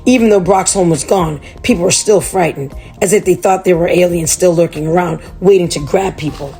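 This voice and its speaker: A woman reading a chapter book aloud to children, chatty and animated. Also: fairly low pitch, brisk, faint music behind.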